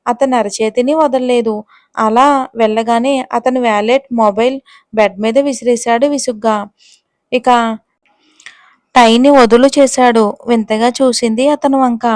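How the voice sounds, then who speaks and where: A woman storyteller giving a steady, scripted narration of a romance audio story. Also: on the high side, no room sound, studio quality.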